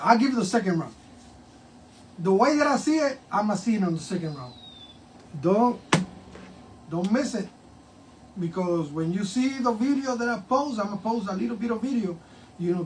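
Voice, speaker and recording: This host is an older Puerto Rican man with a grandson, speaking in a high, lively voice at normal speed with frequent pauses. Hyped and talkative, he promotes a fight in a casual interview, slipping into Spanish, recorded from a distance with faint background noise.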